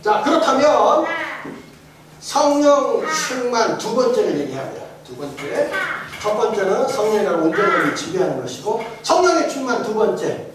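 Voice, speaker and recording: A middle-aged male pastor with a strikingly high, lively voice preaches to his congregation, teasing them with questions and laughing along. He rises into emphatic, shouted refrains. He is picked up from a distance in a very echoey church hall, with the congregation audible around him. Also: normal speed, over a noisy crowd. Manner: jokey, quizzes the congregation, laughs often. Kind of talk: interactive sermon teaching.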